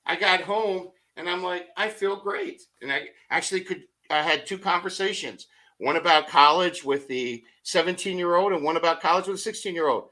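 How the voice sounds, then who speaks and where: Bright, energetic middle-aged man telling stories. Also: high voice, a little fast. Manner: energetic storyteller with rhetorical questions; acts out his own thoughts in quoted asides. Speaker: podcast guest. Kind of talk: motivational podcast conversation.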